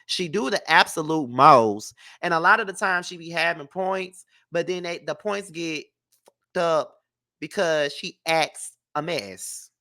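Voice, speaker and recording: His voice fairly high, bright and forceful, a congested host with a cold delivers measured, opinionated gossip about reality TV. The commentary is casual yet blunt and sassy, punctuated with emphatic profanity.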